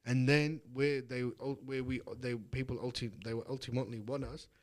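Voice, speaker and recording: A man co-hosting a podcast, speaking earnestly and reflectively in casual chat, slowing down to stress his points. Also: mid-range voice, fairly even intonation. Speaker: podcast co-host.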